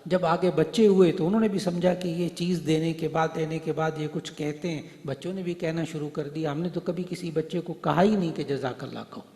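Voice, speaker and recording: A middle-aged male preacher with a fairly high voice, speaking in a long-echoing hall. He tells stories and acts out the dialogue, dropping to a hush, then rising to full force. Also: fairly even intonation, few pauses. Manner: storytelling, acts out dialogue, swings from soft to loud. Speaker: Islamic preacher and hadith teacher. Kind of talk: Urdu religious speech to a gathering. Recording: echoey hall, voice through speakers.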